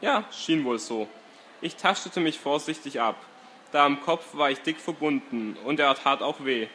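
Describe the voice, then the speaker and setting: A man reading a first-person story aloud in a calm, steady way. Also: fairly high pitch, moderate pace, a little hiss or hum.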